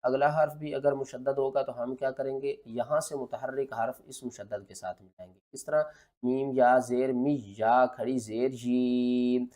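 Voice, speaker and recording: A man teaching tajweed. He spells out letters and vowel marks one by one, asks questions and answers them himself, and chants the verses slowly. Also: mid-range voice, steady tone, mellow. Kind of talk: step-by-step recitation lesson.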